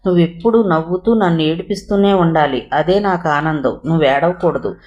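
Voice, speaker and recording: Storybook hero: a woman voicing a patient, protective young man, low calm delivery. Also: a little fast, muffled recording, lightly acted. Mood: reassuring. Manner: calm, reassuring advice.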